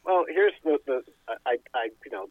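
A man being interviewed as a radio guest over a tinny phone line, telling stories in a halting, self-interrupting way. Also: mid-range voice, animated, husky, no room sound. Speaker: radio show guest, poet and speaker. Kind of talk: conversational interview. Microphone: phone call.

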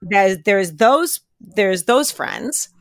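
A woman's voice: medium pitch, expressive, extremely slow, no echo. A woman hosting a podcast interview, chatty and encouraging, who talks straight to her listeners. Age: older than her guest. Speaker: podcast host. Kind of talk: casual interview chat.

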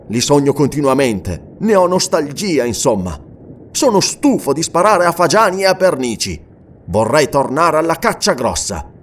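Guy reading a restless adventurer gent, pushed up higher and louder, bouncy delivery. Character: hearty adventurous English gentleman, restless bachelor. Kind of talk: audiobook character reading.

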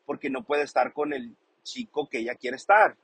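A man calmly explains the meaning of a song's lyrics, often rephrasing and repeating himself as he thinks aloud. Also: medium pitch, moderate pace, breathy edge, no echo, rough recording. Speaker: song commentator. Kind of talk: casual explanatory commentary.

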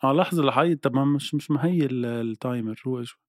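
A man with a Lebanese Arabic accent in casual chat, bantering in an animated, argumentative way. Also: mid-range voice, fast, dry recording, clean studio sound.

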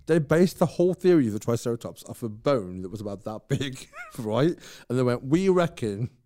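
A man's voice: medium pitch, lively intonation, brisk, mellow. A man in a casual podcast chat, eagerly explaining facts and laughing often.

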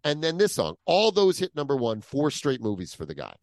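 A man's voice: mid-range voice, huge pitch swings, fairly quick, no echo. A man co-hosting a podcast, casually chatting and sharing music trivia. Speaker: co-host of a music countdown podcast. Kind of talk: casual chat.

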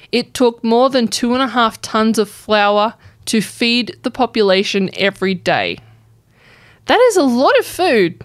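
A woman's voice: medium pitch, smooth, no room sound, clean studio sound. A young Australian woman co-hosting a podcast, bluntly walking through historical facts in a casual way. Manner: brisk, blunt, leads the facts. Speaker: podcast co-host.

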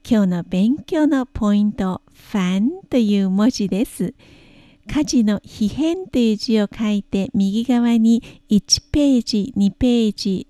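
Slow, mellow woman teaching a language. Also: medium pitch, dry recording, studio quality. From Taiwan. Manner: slow, careful explanations with drawn-out example phrases. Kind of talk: radio language lesson.

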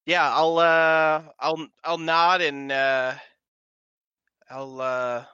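A man playing a tabletop game, speaking in a hesitant, halting way. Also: a little high, steady tone, bright, forceful tone, smooth, no room sound, highs cut off. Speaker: player.

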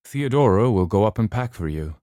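A middle-aged doctor, gentle and a little apologetic, speaking slowly and kindly in a low, mellow voice, as a male narrator plays him. The sound is close and dry. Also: lively intonation, no echo, close to an everyday voice.

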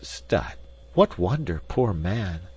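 A man reading aloud, voicing a worried, caring wife in a raised, gentle voice. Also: expressive, unhurried, rough recording. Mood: tender. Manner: gentle, pleading, higher voice. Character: anxious caring Dutch wife, middle-aged. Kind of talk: audiobook character voice.

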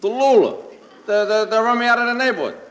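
A man's voice: extremely high pitch, very fast, sharp tone. A man with a Brooklyn accent doing a brash, wisecracking comic monologue on an old, echoey radio broadcast with a studio audience. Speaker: comedian.

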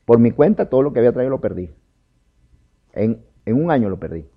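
A man's voice: mid-range voice, very animated, a little fast. A man preaching a fervent personal testimony, speaking straight to the listener and calling him brother. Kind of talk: emotional testimony and exhortation. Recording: dull lo-fi recording.

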